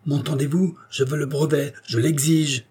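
A man reading an audiobook, voicing a nervous, excitable engineer who shouts in a strained voice. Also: fairly low pitch, moderate pace, slightly rough. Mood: threatening. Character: excitable male engineer-inventor, nervous and furious. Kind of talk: audiobook character voice.

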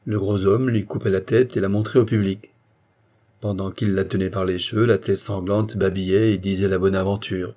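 A male narrator reading a classic short story in a measured, steady way. His voice is low and mellow, with a husky grain.

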